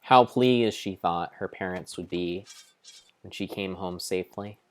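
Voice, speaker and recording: This streamer has a deep voice and keeps a measured pace while narrating the game he's playing. The telling is mock-dramatic, solemn and theatrical, as though he were reading aloud from a grand storybook.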